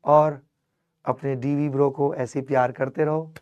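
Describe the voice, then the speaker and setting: A man teaching an online chemistry class with a strained, fading voice. He speaks to his students warmly and fondly, mixing in English terms. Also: mid-range voice, level tone, measured pace, clear, resonant tone, lo-fi sound. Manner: affectionate, calls students "my child", mixes English terms. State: losing his voice, strained throat. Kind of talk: energetic online class lecture.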